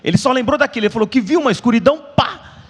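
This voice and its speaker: A man with a Brazilian accent in a Bible class, telling an anecdote in a halting, hesitant way. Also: extremely high pitch, animated, slightly rough. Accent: Brazilian Portuguese. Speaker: class participant. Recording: long hall reverb.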